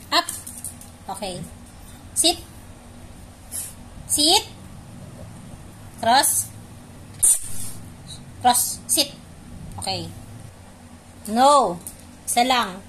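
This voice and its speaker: High-pitched woman coaxing her dog. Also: lively intonation, very slow, pauses often, fairly bright tone, a little hiss or hum. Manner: coaxing, repeats short commands. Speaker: pet owner. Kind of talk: playful talk to a dog.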